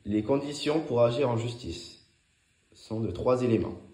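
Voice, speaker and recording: A man's voice: medium pitch, a little slow, dark tone. A man reading scripted study notes aloud as a lesson, in a clipped, didactic, item-by-item delivery. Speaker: narrator of a law revision lesson. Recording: echoey, roomy sound.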